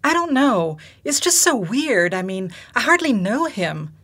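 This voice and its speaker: A woman's voice: fairly high pitch, sing-song, measured pace, a bit bright, husky, exaggerated voice. A woman acting a sceptical, reluctant wife in a scripted dialogue, with a pointed, questioning manner.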